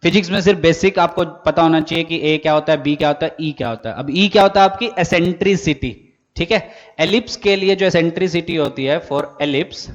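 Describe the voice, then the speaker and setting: A physics teacher, his voice a little high for a man, lecturing in a room with a long trailing echo. The sound is somewhat dull and lo-fi. He works through each point step by step and answers his own questions. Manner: explains step by step, asks and answers his own questions, says "theek hai" often. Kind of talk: classroom lecture.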